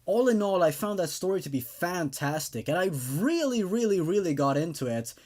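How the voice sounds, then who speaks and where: A man with a high, sing-song, slightly mellow voice speaks at normal speed while hosting horror readings. His narration is dramatic and emphatic, and his review afterward is casual and enthusiastic.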